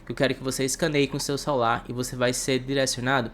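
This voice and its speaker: Brazilian male English teacher, mid-pitched, patient explainer, faint background hiss. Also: level tone, a bit bright. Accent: Brazilian Portuguese. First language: Portuguese. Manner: slow, carefully spaced English examples with Portuguese translations. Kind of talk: explanatory online lesson.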